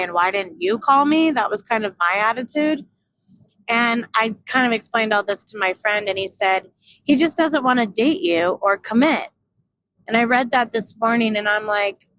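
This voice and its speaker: A woman's voice: mid-range voice, a bit bright, slight background noise, poor audio. A young woman telling a casual vlog story, candid and profane, acting out both sides of a conversation. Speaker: vlogger. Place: in a car on a road trip.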